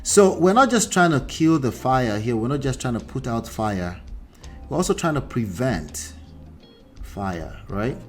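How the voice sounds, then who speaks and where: With a mid-range voice and a Nigerian accent shaped by his native Akure dialect, this relationship coach runs a livestream. He reads out comments from viewers and hammers home his points through animated repetition.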